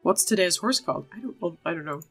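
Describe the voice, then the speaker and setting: A lowish, gravelly female voice, slightly rough, moves a little fast with lively intonation over game music. This gaming video host chats her way through play, reading dialogue aloud and speaking to herself and her virtual animals.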